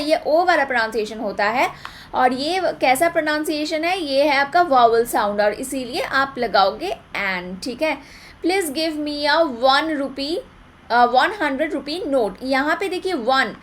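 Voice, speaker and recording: High-voiced woman teaching, slow. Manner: drills pronunciation by repeating words slowly. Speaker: English grammar teacher for exam prep. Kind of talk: online lecture.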